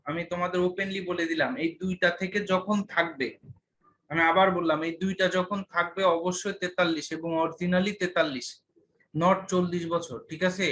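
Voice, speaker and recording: A man's voice: sits high, fairly bright tone, slight background noise. A young man, teaching an online class and checking understanding with repeated questions.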